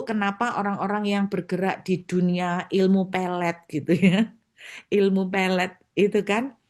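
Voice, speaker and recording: Animated woman pastor. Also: mid-range voice. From Surabaya, Indonesia. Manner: animated, acts out voices. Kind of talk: storytelling sermon.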